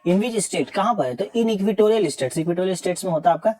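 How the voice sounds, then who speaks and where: A young man teaching an exam revision lesson, reading questions out slowly, then explaining with casual jokes and teasing scolds. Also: high-pitched, lively intonation, darkish tone.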